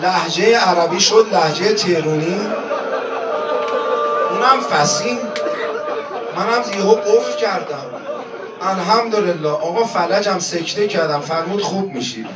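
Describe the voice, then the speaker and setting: Man, preacher, storytelling sermon with chanted lament, high voice, far from the mic, loud crowd and noise. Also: pauses often, reverberant. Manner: tells a story then breaks into sung, shouted lament. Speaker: religious preacher.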